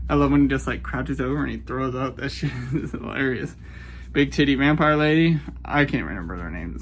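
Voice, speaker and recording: A man's voice: medium pitch, slight background noise. A man in his twenties giving a casual, rambling game review, swearing often and apologizing when he loses his train of thought. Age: 20s. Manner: rambling, profane, self-conscious.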